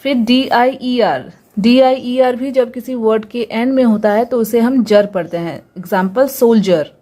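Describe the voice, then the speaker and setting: A woman's voice: on the high side, a little slow, warm tone. A woman teaching English pronunciation, patiently repeating each example word and asking rhetorical questions. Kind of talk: Hindi-language lesson on English pronunciation.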